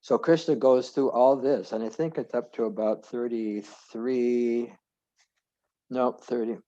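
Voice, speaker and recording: Over a video call with dull, lo-fi audio, a man leads an informal scripture class in a steady, mellow, medium-pitched voice, speaking a little slowly. He rambles, digresses, and corrects himself as he goes.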